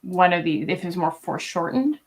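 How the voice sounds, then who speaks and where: A woman's voice: fairly low pitch, expressive, brisk. A young woman streaming while she draws, chatting casually and thinking aloud with lots of fillers. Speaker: streamer and artist. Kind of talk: casual live-stream chat while drawing.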